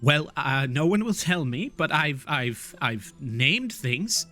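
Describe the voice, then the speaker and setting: Man doing a high, gushing halfling carnival-goer, small and eager, stammers constantly; bright tone. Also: sing-song, slow, soft background music, exaggerated voice. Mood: rambling.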